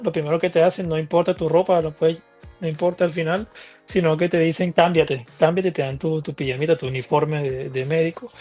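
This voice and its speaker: A man, a physician telling his own story in a relaxed, chatty interview, with fillers and restarts. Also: on the high side, lo-fi sound. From Latin America. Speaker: guest physician.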